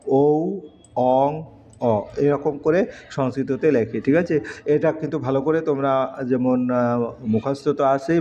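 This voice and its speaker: Male tutor, mellow drawn-out recitation, lo-fi sound. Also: medium pitch. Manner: slow, drawn-out recitation of letters and numbers. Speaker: teacher. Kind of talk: exam-prep lesson. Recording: dull lo-fi recording.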